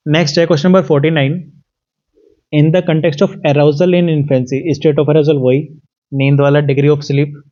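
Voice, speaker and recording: A man's voice: a little high, mellow, muffled recording. Indian man teaching an exam-prep lesson. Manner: explains step by step, repeats "ठीक है" often, reads questions slowly in English.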